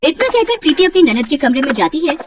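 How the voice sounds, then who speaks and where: A woman narrating a scripted cartoon story in an even storytelling manner. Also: high-pitched, quick pace, far from the mic.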